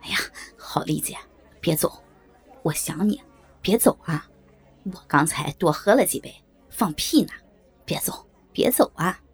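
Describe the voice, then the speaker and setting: A woman's voice: fairly low pitch, animated, measured pace, pauses often, breathy edge, whispered, pitched below the performer's own voice, full character voice. A woman voicing a crude, balding, fat male boss who wheedles and blusters coarsely. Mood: pleading. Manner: coarse, pleading, swaggering.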